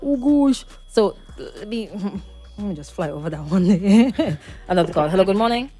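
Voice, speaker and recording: A woman's voice: medium pitch, normal speed, dark tone, husky. A woman with a Vincentian accent hosting a live radio call-in casually, firm and teasing as she steers the talk. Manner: firm, teasing, keeps callers on track.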